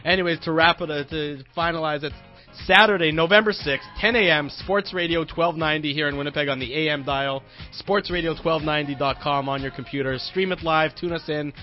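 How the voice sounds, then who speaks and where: A man with a voice on the high side hosts a sports radio show, talking fairly quickly as he chats casually and plugs upcoming broadcasts in an upbeat announcer style. The broadcast is dull and lo-fi with faint music underneath.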